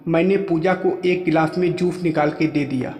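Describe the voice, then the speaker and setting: A man telling a first-person story in plain, steady narration. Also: a little high, moderate pace, soft background music. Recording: echoey room with long reverb.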